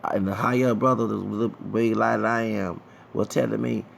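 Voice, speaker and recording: Speaking directly to viewers, a man in his 30s from Texas offers loose, digressive vlog commentary full of repetition. The voice is low and creaky, fairly even in intonation, at a moderate pace with slight background noise.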